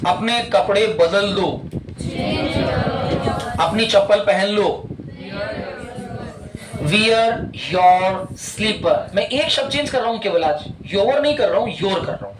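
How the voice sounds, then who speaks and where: High-voiced man teaching, echoey classroom. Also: expressive. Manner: quizzing students with repeated questions, drawn-out English phrases. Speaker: English teacher. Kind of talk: classroom language lesson. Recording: echoey room with loud background noise.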